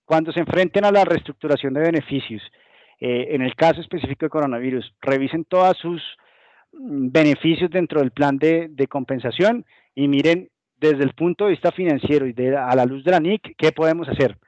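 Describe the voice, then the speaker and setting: A Colombian man with a Colombian Spanish accent presents as a guest in a business webinar, explaining concepts and sometimes acting out what hypothetical companies might say. His voice is on the high side, fairly quick and a little mellow, in a dry, dull-sounding recording.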